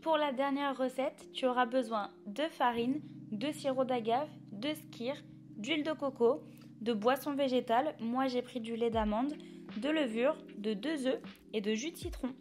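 A woman's voice: high-pitched, normal speed, music in the background. A young woman narrating her home cooking steps in a chatty voice-over, talking straight to the viewer. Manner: chatty, addresses the viewer directly. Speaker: cooking vlogger. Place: home kitchen.

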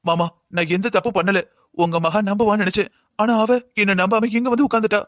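A man's voice: high-pitched, fast, fairly bright tone, no room sound, clean studio sound. A man voicing an earnest young husband in a cartoon drama who pleads to see his wife. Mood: pleading.

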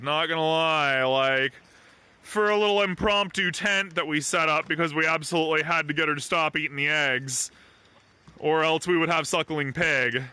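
A man's voice: on the high side, sharp tone, smooth, no room sound. A man casually narrating a farm vlog from behind the camera outdoors, chatty and rambling. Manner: chatty, rambling, affectionate toward the animal. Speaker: farm vlogger.

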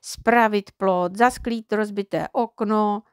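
A woman's voice: mid-range voice, fairly even intonation, clear, resonant tone, no echo, clean studio sound, natural voice. Woman doing a little storybook girl, kind, fussy, sweet, coaxing, motherly.

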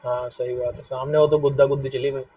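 A man's voice: medium pitch, flat delivery, quick pace. A male biology teacher with a Hindi accent giving a live online class, repeating key points and asking his students questions. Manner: repetitive, asks students questions and scolds them to stop fighting. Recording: dull lo-fi mic, a bit distant.

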